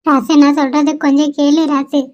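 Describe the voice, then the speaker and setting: Very high flustered young cartoon woman, woman voicing, muffled lo-fi sound. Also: level tone, moderate pace, darkish tone, lightly acted. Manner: pleading, flustered. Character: troubled young village woman facing an unwanted marriage. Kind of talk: dubbed cartoon dialogue. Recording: dull lo-fi recording.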